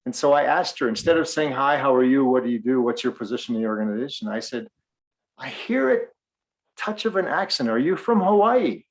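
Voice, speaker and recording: On a rough recording, a podcast co-host with a medium-pitched voice talks fairly quickly. He is a middle-aged Western Canadian with a slight accent who chats casually, animatedly telling stories and voicing the characters' dialogue.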